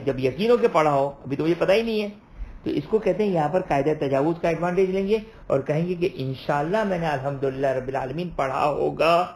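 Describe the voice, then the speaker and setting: A man's voice: on the high side, a little mellow. Man explaining religious law, repeating points. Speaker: religious lecturer. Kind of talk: online jurisprudence lecture.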